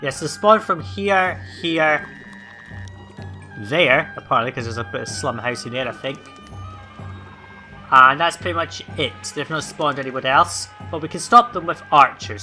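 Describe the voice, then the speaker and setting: A man hosting a let's play, giving relaxed gameplay commentary and thinking aloud with plenty of ums and uhs. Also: on the high side, moderate pace, music in the background.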